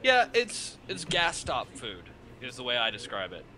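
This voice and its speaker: An American man chatting casually on a game stream, talkative and quick to laugh. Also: mid-range voice, huge pitch swings, pushed and bright. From United States.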